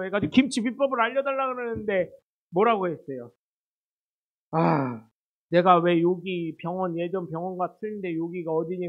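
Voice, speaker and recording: A man preaching a sermon as pastor, telling a story and asking the congregation rhetorical questions, acting out the people in it. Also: sits high. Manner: acts out quoted characters in dialect. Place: church sanctuary. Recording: tinny phone-like sound.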